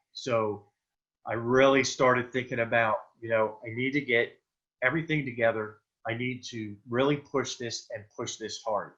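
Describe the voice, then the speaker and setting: On a video call with dull, lo-fi sound, a Delaware man running for office speaks plainly and earnestly, using lots of filler words. His voice sits at medium pitch with a fairly bright tone.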